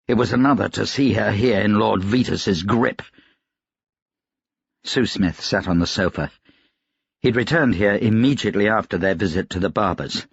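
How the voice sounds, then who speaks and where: A male narrator reads a fantasy novel in a measured, even storytelling manner. His voice is low with a husky edge. The recording is close and dry, and it sounds slightly dull. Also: no room sound. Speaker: audiobook narrator. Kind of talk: scripted narration.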